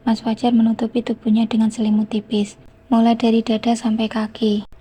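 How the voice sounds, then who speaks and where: A woman reading a novel aloud in the first person, calm and even. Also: a little high, a little fast, breathy edge. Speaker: novel reader. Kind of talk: first-person audiobook narration.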